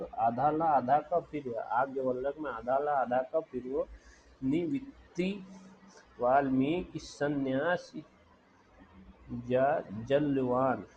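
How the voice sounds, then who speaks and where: A man teaching a spelling lesson, dictating words slowly and repeating each one deliberately. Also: mid-range voice, lo-fi sound, slight background noise.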